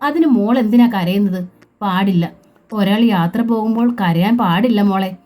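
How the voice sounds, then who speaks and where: A woman reading as an anxious middle-aged mother in a storybook reading, tender and pleading. The lines lift in pitch as she soothes. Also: unhurried, a little mellow, lightly acted. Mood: comforting. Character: anxious middle-aged mother comforting her daughter-in-law.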